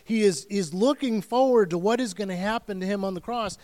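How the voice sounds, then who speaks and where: A man with a high-pitched voice delivers a communion sermon as a student and family pastor. He speaks slowly and earnestly, leaning on key words. He often restarts his sentences as he goes. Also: mellow. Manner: earnest, slow and emphatic, with repeated restarts. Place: church.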